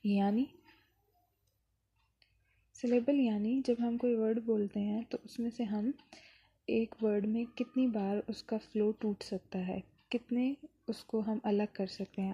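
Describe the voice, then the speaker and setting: A woman's voice: mid-range voice, steady tone, unhurried, warm tone, breathy edge, dull audio. A woman teaching an English lesson, explaining patiently and sounding out words syllable by syllable.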